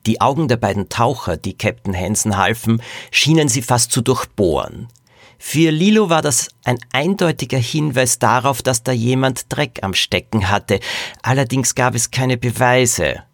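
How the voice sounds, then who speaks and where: Lively man reading a story aloud. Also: mid-range voice, normal speed, no room sound, clean studio sound. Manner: lively storytelling, addresses listeners. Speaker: podcast host and storyteller. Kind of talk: reading a children's mystery aloud.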